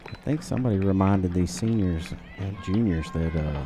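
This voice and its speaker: A man doing enthusiastic, laughing color commentary for a local softball game from an outdoor ballpark. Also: deep voice, normal speed, faint music behind. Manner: enthusiastic cheerleading, frequent laughs.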